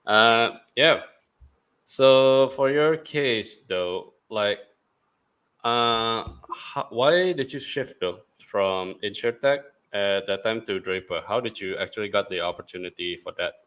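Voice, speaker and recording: A man from Indonesia hosting a podcast interview, asking questions in a relaxed, conversational way with loose grammar and frequent fillers. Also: lowish voice, takes it slowly, smooth. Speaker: podcast host. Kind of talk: casual interview.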